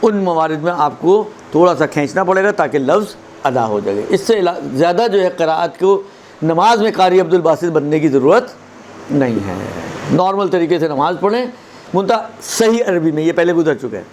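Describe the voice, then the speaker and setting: A man teaching a religious lesson on prayer recitation, explaining step by step, slowly demonstrating verses and checking in with his listeners. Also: a little high, expressive, a little mellow, a little hiss or hum.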